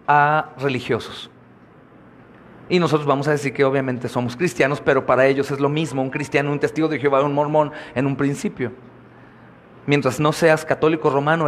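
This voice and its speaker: A man preaches in a high, ringing voice with a Mexican Spanish accent. He delivers an expository sermon with fervor, keeps turning to his congregation as brothers, and breaks into dramatized prayers that rise sharply in pitch and force. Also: a little hiss or hum. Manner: impassioned preaching, often addressing the congregation as brothers; acts out prayers with sudden rises in pitch and volume. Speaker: pastor.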